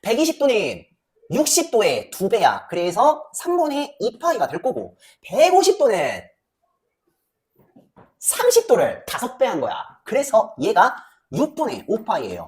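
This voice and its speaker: A woman teaching a math class, talking students through the steps with quick questions and muttering as she works out the numbers. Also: medium pitch. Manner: lively, banmal with quick questions to students, muttering while calculating. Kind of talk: classroom lecture.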